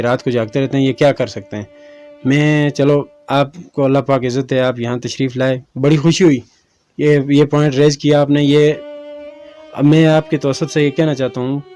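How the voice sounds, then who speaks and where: A man's voice: mid-range voice, dark tone. A man in his thirties, a neighbor being interviewed, speaking earnestly and respectfully. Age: 30s. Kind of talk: interview answers.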